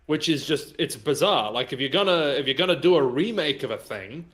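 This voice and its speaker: A man in a casual group stream, laying out his argument in a measured way. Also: a little high, lively intonation, fairly bright tone. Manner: measured, reasoning aloud.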